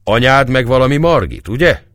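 Man doing an urgent army lieutenant, questioning, animated, storybook. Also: medium pitch, no room sound, studio quality, voice pushed up, lightly acted. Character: stern male army lieutenant.

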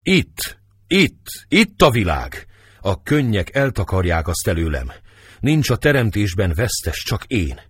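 Male reader doing a grieving noble, slow declamatory lament, dry close sound. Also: fairly low pitch, very animated, slightly rough, no echo, heavily acted. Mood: anguished. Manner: impassioned, declamatory, slow and heavy. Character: grief-stricken nobleman, middle-aged, passionate.

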